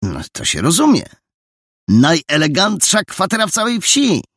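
A man voicing a cheeky, talkative teenage boy with a quick, salesman-like patter in an audiobook. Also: fairly high pitch, huge pitch swings, fairly bright tone, slightly rough, dry recording, clean studio sound, pitched above the performer's own voice, heavily acted. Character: cheeky, chatty teenage boy with a knack for business.

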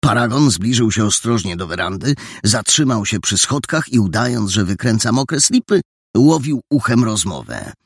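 A man's voice: on the low side, moderate pace, vocal fry, slightly rough, no echo, clean studio sound. A man narrating an audiobook, expressively, voicing every character. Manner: expressive, many character voices.

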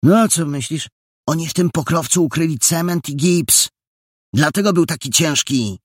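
A man voicing a slow-witted, easily offended young boy in a storybook, hesitant and stammering. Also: a little high, no room sound, clean studio sound, pitched above the performer's own voice, natural voice. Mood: puzzled, touchy. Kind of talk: audiobook character voice.

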